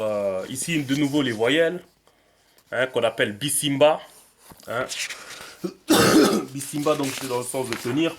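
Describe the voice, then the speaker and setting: A man explaining a writing system in a relaxed screen tutorial, thinking aloud with many fillers. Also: on the low side, background noise. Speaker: teacher.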